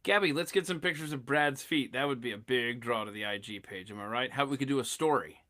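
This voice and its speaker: A man in his forties hosting a podcast, chatting casually and excitedly, often stammering and restarting his sentences. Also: medium pitch, brisk. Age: 40s. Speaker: podcast host. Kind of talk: casual chat.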